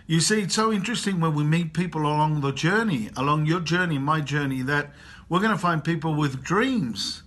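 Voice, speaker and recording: Travelling abroad, a Chilean man in his fifties who works as a motivational coach speaks earnestly to camera about personal motivation, driving points home by repeating phrases. He sounds a little high and a bit bright, with lively intonation at a normal speed.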